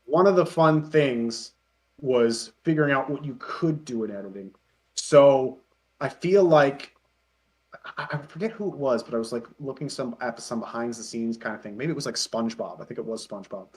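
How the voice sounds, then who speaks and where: Speaking at a normal speed in a medium-pitched voice, this man is an interview guest who makes and edits parody web videos. The conversation is lively and casual as he wanders through his points, performing imagined lines along the way.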